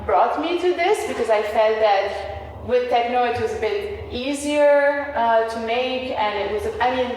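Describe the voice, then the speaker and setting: A woman's voice: fairly high pitch, measured pace, darkish tone, a little hiss or hum. A young woman, a music producer talking earnestly and reflectively as an interview guest. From Lebanon. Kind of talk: casual interview chat. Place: Beirut. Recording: echoey hall, voice from far off.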